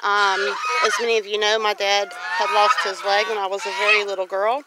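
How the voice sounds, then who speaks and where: Walking outdoors on a grassy farmyard, a Louisiana woman delivers a plain-spoken, rambling, reflective monologue in the style of a homestead vlogger. Her mid-range voice moves at a moderate pace with little pitch variation, amid outdoor noise and farm animal sounds.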